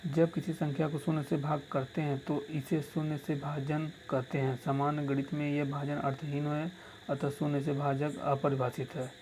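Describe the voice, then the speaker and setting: Male tutor, higher voice, monotone dictation, faint hiss behind. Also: moderate pace, rough recording. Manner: dictating answers, repeating lines for notes. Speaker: teacher. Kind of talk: exam-prep lesson.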